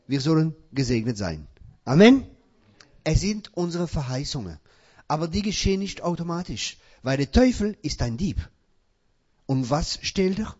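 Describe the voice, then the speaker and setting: A man's voice: fairly high pitch, slightly rough. Emphatic male preacher, dull lo-fi sound. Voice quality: non-native German phrasing. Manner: asks the congregation questions and answers himself; loud emphatic peaks between quieter passages. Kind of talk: sermon with scripture reading. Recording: dull lo-fi recording.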